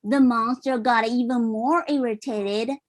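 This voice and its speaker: Reading a storybook aloud in a slow, high voice with a steady tone, this parent tells the picture-book story with asides along the way. She explains things simply and checks in with the listeners.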